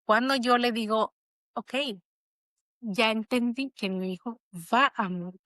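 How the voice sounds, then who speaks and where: Middle-aged woman, interview guest, reflective storytelling, fairly high voice, dry close sound. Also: measured pace, sharp tone, no room sound. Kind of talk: conversational interview.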